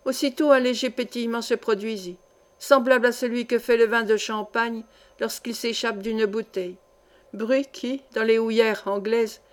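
A woman reading a classic adventure novel aloud as an audiobook, measured and clear. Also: a little high. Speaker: audiobook reader. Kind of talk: scripted novel narration.

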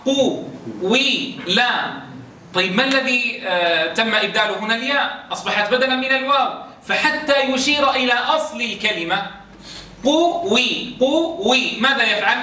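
A man teaching a class on Quran recitation rules. He explains step by step, slowly drawing out sounds to demonstrate and often checking with his students. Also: very high-pitched, pushed and bright. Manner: keeps checking understanding with quick questions to students. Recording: echoey room, voice from a distance, faint noise.

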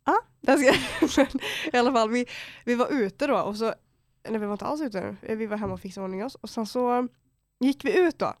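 A woman's voice: on the high side, no room sound, studio quality. A teenage girl from Borås, telling a story on a podcast with lots of slang, swearing and acted-out quotes. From Borås, Sweden. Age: teenager under eighteen. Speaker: podcast host. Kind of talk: casual storytelling chat.

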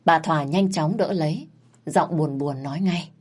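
Low, husky woman narrating a story. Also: moderate pace, a little mellow.

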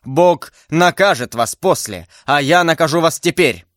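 A grim young officer presses his demands in a solemn, insistent voice, as a male narrator reads him. The voice sits at an ordinary middle pitch, close and dry. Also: animated, normal speed, a bit bright, no room sound, natural voice. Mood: stern. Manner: insistent, solemn, building heat. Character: grim fanatical young officer, stern and unyielding. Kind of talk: audiobook character voice.

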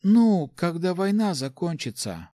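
A man voicing a soft-spoken young woman dreaming about the future. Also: high-pitched, very animated, unhurried, no room sound, studio quality, voice pushed up. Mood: wistful.

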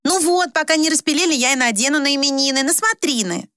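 A woman's voice: high-pitched, quick pace, fairly bright tone, dry recording, studio quality, pitched above the performer's own voice. A woman reading a story aloud, voicing an eager, pushy young village girl who begs and squeals. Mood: pleading.

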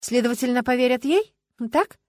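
A woman's voice: a little high, expressive, a little fast, dry recording, voice pushed up, close to an everyday voice. A woman reading an audiobook and voicing an earnest, stubborn young heroine who speaks in a pleading way.

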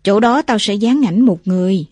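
A man voicing a sorrowful, blunt old village woman in a high, strained falsetto with rustic speech. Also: normal speed, a little mellow, no echo.

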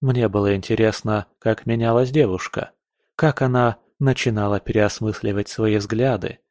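A man's voice: lowish voice, steady tone, moderate pace, a little mellow, no room sound. Sex: man. Role: audiobook narrator. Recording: dry. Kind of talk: scripted narration.

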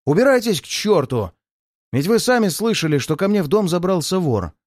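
Man voicing an arrogant gentleman, haughty, snapping, raised voice, dry close sound. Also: high voice, big pitch swings, moderate pace, no room sound, pitched above the performer's own voice. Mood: angry. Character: arrogant, hot-tempered rich gentleman.

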